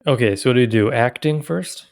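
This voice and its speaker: A man's voice: mid-range voice, a little fast, gravelly. A man co-hosting a casual film-review podcast, recorded in a bare room with nothing on the walls, so his voice echoes like a cave. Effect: echoey bare room that sounds like a cave. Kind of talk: casual chat.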